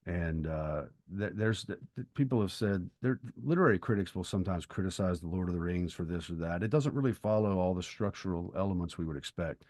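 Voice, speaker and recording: A low-pitched man with a darkish tone co-hosts a podcast about books, explaining ideas in a measured, thoughtful way during a conversational literary discussion. The sound is dry, with no room sound at all.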